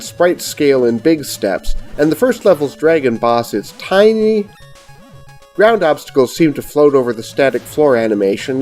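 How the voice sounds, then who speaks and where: A middle-aged man, giving scripted, measured and precise review narration as host of a retro gaming show. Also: mid-range voice, darkish tone.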